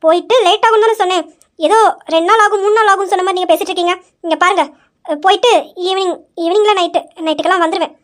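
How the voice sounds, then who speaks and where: A woman's voice: extremely high pitch, steady tone, very fast. A woman voicing a young wife who sharply refuses to let her husband question her. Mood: defiant. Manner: sharp, scolding, insistent. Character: young wife, defiant and independent.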